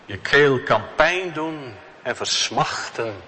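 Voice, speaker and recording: A male pastor delivers a sermon at an unhurried pace. His voice is bright and forceful, and he leans on repeated words for emphasis. A long church reverb trails after each phrase. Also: medium pitch, lively intonation, slight background noise. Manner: slow, emphatic preaching with repetitions.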